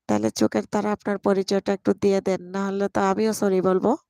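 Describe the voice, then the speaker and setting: Gravelly-voiced woman chatting on a live stream. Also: medium pitch, flat delivery, brisk, dark tone, no echo. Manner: affectionate, greets viewers one by one by name. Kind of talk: casual live stream chat reading viewer comments. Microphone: phone.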